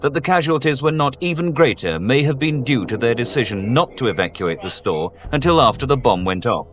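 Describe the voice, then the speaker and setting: A man's voice: medium pitch, lively intonation, fairly quick, fairly bright tone, faint music behind. A man reporting for an archive television news bulletin in a formal manner.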